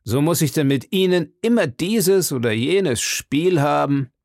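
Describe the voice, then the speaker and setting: A man's voice: fairly high pitch, lively intonation, unhurried, a little mellow, no room sound, studio quality, voice pushed up. A man voicing a haughty, disdainful aristocratic nobleman in a storybook, with a cool, dismissive manner.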